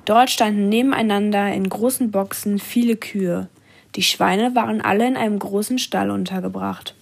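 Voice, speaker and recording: A woman reading a children's story aloud in a calm, even storytelling manner. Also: medium pitch, moderate pace, gravelly.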